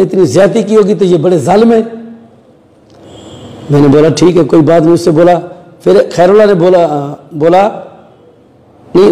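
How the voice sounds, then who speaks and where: Male interviewee, high-pitched and warm-toned, narrates events and voices the quoted lines. Long reverb on the recording. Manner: storytelling, acting out quoted dialogue. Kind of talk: recounting events in a news interview.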